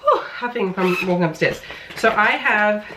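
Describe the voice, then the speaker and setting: Female vlogger, thirties, lowish register, stuffed-up pinched nasal tone, informal self-deprecating chat, some noise behind her. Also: moderate pace. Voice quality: congested, pinched nasal sound. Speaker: vlogger, mother of young children. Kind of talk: casual chatty home vlog.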